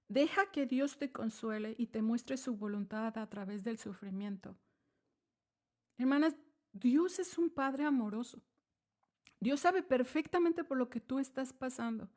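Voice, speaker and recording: A woman with a high-pitched, darkish voice gives devotional teaching to other women. As a women's ministry speaker, she sounds earnest and pleading, often addressing her listener as "sister."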